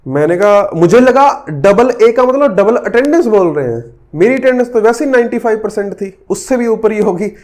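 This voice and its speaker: A man's voice: high-pitched, lively intonation, normal speed, few pauses, darkish tone. A man in his thirties from India, teaching a physics lecture in a joking, teasing way and slipping English terms in. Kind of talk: classroom physics lecture with an anecdote.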